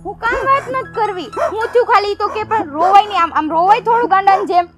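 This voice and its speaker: A chiding village sister-in-law. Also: female voice, very high-pitched, fast talker, over a noisy crowd. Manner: chiding, nagging. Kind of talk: village drama acting.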